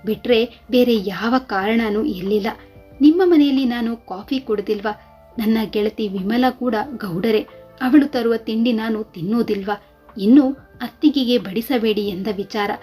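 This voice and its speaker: A woman's voice: fairly high pitch, unhurried, dark tone, breathy edge, faint music behind. A woman voicing a hurt young married woman who pleads and questions, in a storybook reading.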